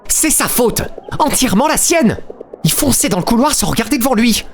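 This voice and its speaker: A man playing a bratty young woman in a game, pitched sharply high and accusing everyone around her. Her talk has a lively, jumpy rise and fall. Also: a little fast, a little hiss or hum. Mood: indignant. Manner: indignant, accusing. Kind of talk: voicing game dialogue.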